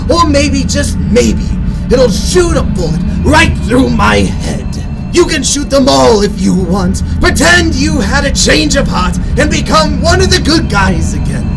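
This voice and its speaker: A man's voice: very high voice, creaky, full character voice. A man playing a manic, theatrical clown villain in a radio drama, mocking and swinging from sing-song to menace.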